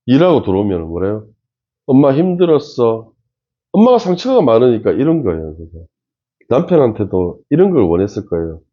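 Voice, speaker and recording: A man's voice: sits low, slightly rough, dull audio. A man giving casual commentary on a TV show, emphatic and talking straight to viewers. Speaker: face-reading commentator.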